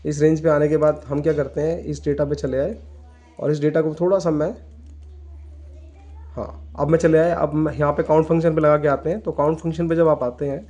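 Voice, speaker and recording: A man's voice: fairly high pitch, flat delivery, brisk, warm tone, muffled recording. Man explaining a spreadsheet tutorial. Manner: explains step by step, mixing English terms into Hindi, often says "ठीक है". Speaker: computer tutor. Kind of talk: screen-recorded software tutorial.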